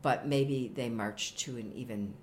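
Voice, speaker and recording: Woman host, very low voice, encouraging chatty questions, faint noise behind. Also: measured pace. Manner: warm, affirming, lots of backchannel. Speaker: podcast host. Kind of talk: casual interview talk.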